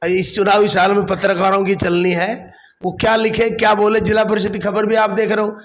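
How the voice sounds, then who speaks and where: Guy, high voice, district chief brushing off reporter questions, keeps repeating himself. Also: little pitch movement, normal speed. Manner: defensive, evasive, repeats his points. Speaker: district council chief, interviewee. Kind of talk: political interview.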